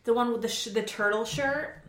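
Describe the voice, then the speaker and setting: A woman's voice: a little high, moderate pace, fairly bright tone. A woman in her forties from New England, chatting casually and rambling through a story with lots of fillers. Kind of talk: casual chat. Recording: echoey room.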